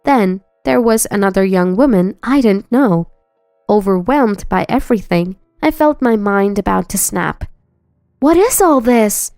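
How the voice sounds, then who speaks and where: A woman tells a first-person story in an even, scripted narration. Her voice is smooth and clear at a middle pitch, recorded dry and close. Faint music plays behind her. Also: a little slow, no echo.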